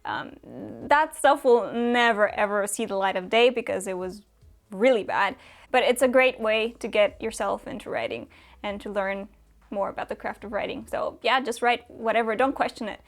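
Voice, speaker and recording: A woman's voice: fairly high pitch, moderate pace. A young woman from Romania chatting casually as a booktuber answering viewer questions, with lots of fillers and small laughs. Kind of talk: casual chat.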